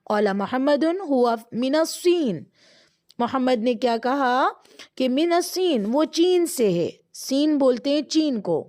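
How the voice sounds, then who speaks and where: A woman with a Pakistani accent teaching an Arabic grammar lesson, who explains in quick bursts and slows right down to recite each word. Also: high voice. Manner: explains in quick bursts, drawls slowly when reciting words.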